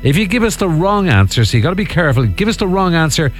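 A man's voice: a little high, big pitch swings, fast talker, soft background music. An Irish man hosting a radio phone-in quiz, chatting casually and bantering with the contestants.

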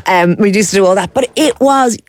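A woman's voice: mid-range voice, brisk, dry recording. A middle-aged woman with an Irish accent, hosting a casual, conversational chat. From Ireland. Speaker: host.

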